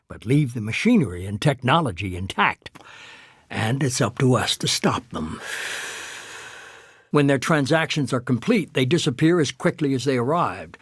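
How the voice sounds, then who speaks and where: A husky middle-aged man who leads a shadowy organization in a sci-fi video game. He speaks with cool, measured authority at a medium pitch, persuasive and calculating. The sound is dry, with no room around it. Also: no echo. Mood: resolute. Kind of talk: cinematic video game dialogue.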